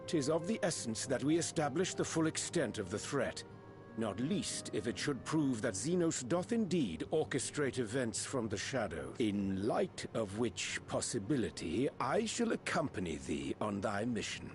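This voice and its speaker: A man's voice: mid-range voice, big pitch swings, normal speed, over music, natural voice. Man acting a solemn scholar in archaic, verse-like speech. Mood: solemn, formal. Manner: archaic thee-and-thou speech in verse-like formal cadence. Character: solemn scholarly man, formal and dutiful adventurer. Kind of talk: scripted fantasy game acting.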